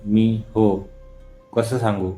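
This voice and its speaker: A man's voice: slow pace, faint music behind. A man reading the lines of a playful young married woman in an audio story, in his own plain voice. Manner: reads her lines in his own low, even voice.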